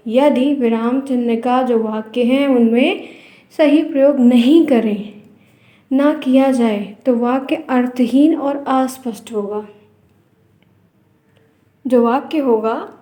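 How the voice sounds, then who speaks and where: A woman's voice: high-pitched, dark tone, roomy sound. A woman teacher giving a patient exam-prep grammar lesson, repeating her points and checking that students follow.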